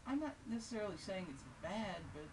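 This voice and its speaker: She sounds female, pitched in the middle, and talks a bit fast in an animated way while reviewing games. Her opinionated, unscripted commentary stays casual and conversational with wry asides. There's hiss, and the mic is far away.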